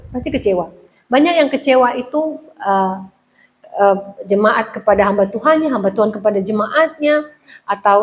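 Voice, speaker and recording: Woman preacher, light high voice, chatty teaching sermon with asides to the pews. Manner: conversational, asks the congregation questions, laughs at her own jokes. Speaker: pastor.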